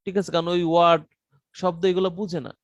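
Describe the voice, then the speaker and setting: A man explains things like a trainer in an online class, high in pitch. He talks loosely and conversationally, stopping often to restate a point. The sound is dry, with no room echo. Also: little pitch movement, fast. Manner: conversational teaching with frequent fillers and restarts. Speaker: content writing trainer.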